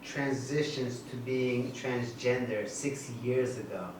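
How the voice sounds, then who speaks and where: A man's voice: mid-range voice, takes it slowly. A man interviewing a guest, asking direct and encouraging questions. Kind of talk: casual interview. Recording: roomy, distant mic, faint noise.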